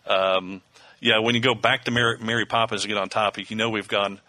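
A man's voice: lowish voice, steady tone, a little fast, sharp tone, rough recording. A man co-hosting a casual podcast chat, rambling through stories and drifting off topic. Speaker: co-host.

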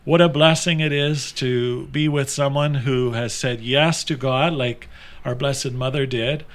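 A man, a priest hosting a faith podcast, who interviews his guest in a gentle, reflective way. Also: mid-range voice, fairly even intonation, a little slow.

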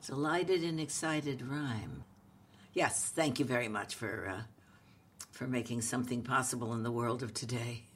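A woman, talking casually in a halting, wry and playful way as she tells stories. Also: very deep voice, slightly rough. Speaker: comedic actress, podcast co-host. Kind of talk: casual conversational storytelling.

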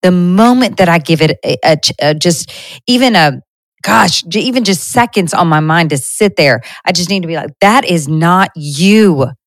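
A woman's voice: on the low side, lively intonation, moderate pace, no echo, low-quality recording. A woman in her thirties hosting a podcast, giving an earnest, conversational faith talk to her listeners with frequent restarts. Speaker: podcast host.

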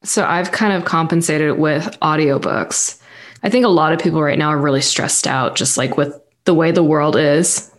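A woman co-hosting a podcast, talking in a lively, joking way with quick asides. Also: low-pitched. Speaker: podcast co-host. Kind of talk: casual chat.

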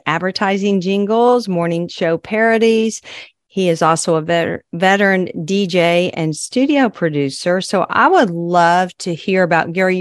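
A woman hosting an interview show, asking her guest questions and responding to his stories with quick affirmations. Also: lowish voice, dry recording, clean studio sound. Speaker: show host.

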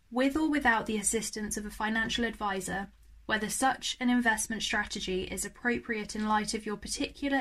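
A woman reading a scripted legal disclaimer in a formal, measured way. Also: medium pitch, fairly bright tone. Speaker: podcast disclaimer reader.

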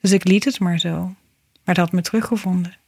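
A woman reading a scripted, reflective narration in a gentle, meditative manner. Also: on the low side, steady tone, fairly quick, creaky, breathy edge, no echo, studio quality. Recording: music behind the voice. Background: music.

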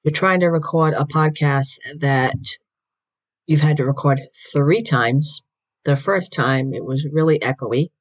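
A woman with a raspy voice hosting a mindfulness podcast, calmly guiding listeners through breathing, her voice slightly hoarse from allergies and recorded in an echoey room. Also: low voice. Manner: calm, slow guided breathing instructions. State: voice going in and out from allergies. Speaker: podcast host.

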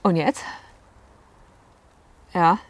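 A woman couples coach telling stories from her sessions in a casual, chatty way, acting out what her clients said, with fillers and asides. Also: very slow. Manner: recounts client sessions, acting out quoted lines. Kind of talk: storytelling talk to video viewers.

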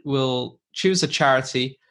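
A man's voice: medium pitch, measured pace, a bit bright. A man hosting an English-learning podcast, explaining in simple, conversational language and rephrasing for a learner. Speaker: podcast host and English teacher.

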